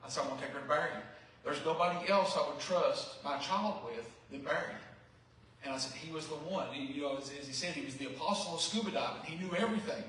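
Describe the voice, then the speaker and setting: A man in his fifties gives a loose, rambling memorial speech, his words full of fillers. He is picked up by a distant mic that leaves a boomy echo around him. A faint hum of the room sits underneath. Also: quick pace, fairly bright tone. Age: 50s. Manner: rambling, anecdotal, with many fillers. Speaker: eulogy speaker. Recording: echoey hall, mic far off.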